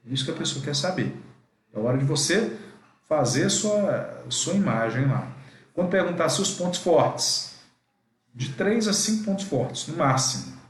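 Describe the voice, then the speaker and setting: A man's voice: on the high side, sing-song, a little slow, roomy sound. A man with a Brazilian Portuguese accent teaching a live online class, with a didactic manner and frequent asides to his students. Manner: didactic, addresses students as "gente".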